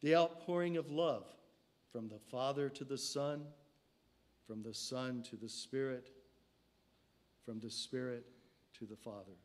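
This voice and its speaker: An older preacher delivers a sermon from a lectern in a church sanctuary, speaking in slow, measured phrases at a medium pitch. His voice drops and softens as each line closes, captured by a stand mic in the sanctuary.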